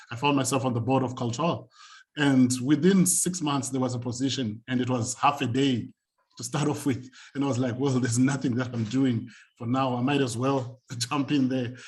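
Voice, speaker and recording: A man from Zimbabwe telling his own story as a community and youth work practitioner. His pitch sits in the middle range, and he speaks in a conversational, reflective way over a video call. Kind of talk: panel talk, personal story.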